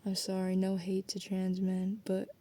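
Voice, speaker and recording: Her delivery completely flat and her pace measured, this young adult student vlogger talks loosely in a late-night vlog, drifting between ideas and swearing often. Her voice is mid-range and mellow.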